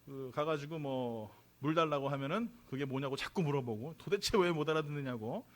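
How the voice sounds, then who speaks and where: A Korean man preaches a sermon as pastor of his church, in a chatty, joking way, asking the congregation questions and drawing responses from them in the sanctuary. His voice is a little high and his pace moderate.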